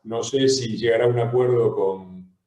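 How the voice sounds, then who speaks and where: A man's voice: mid-range voice, steady tone, normal speed, mellow. A man with an Argentine accent hosting a political talk show, arguing emphatically with frequent hesitations. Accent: Argentine Spanish. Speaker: host and legislator. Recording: roomy echo.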